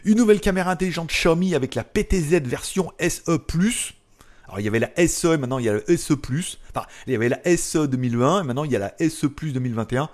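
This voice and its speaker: A man's voice: on the high side, lively intonation, fast talker, darkish tone. A man hosting a casual tech news vlog, chatty and sarcastic, with frequent fillers and asides. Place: lives in Thailand.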